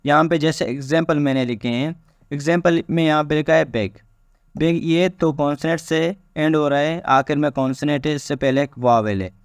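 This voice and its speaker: A man teaching English spelling rules. He reads each rule slowly and then explains it in a casual way, repeating himself as he goes. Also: a little high, steady tone, clear, resonant tone, no room sound, studio quality. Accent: Pakistani. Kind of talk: spelling lesson explained step by step.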